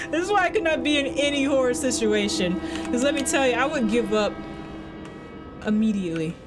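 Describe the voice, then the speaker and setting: A young woman streams a horror game from a desk in a small indoor room, nervously rambling with sarcasm and slang and repeating herself often as she gets scared. Her voice is high-pitched, animated, and fairly quick, heard over music.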